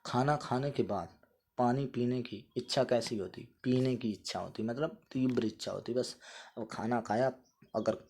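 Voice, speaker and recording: A man teaching vocabulary with memory tricks, playful and animated, acting out little scenes and answering for his students. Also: medium pitch, husky.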